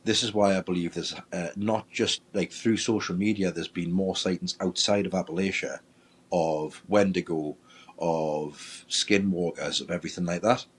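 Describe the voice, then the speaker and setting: Husky, low-voiced man. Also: normal speed. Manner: animated, acts out his own reactions. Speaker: paranormal investigator guest. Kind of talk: storytelling in casual chat.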